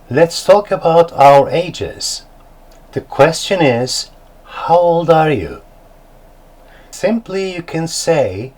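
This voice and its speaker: A man with a Turkish accent teaching beginner English, slow and deliberate, spelling words out letter by letter. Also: on the high side, darkish tone, rough recording.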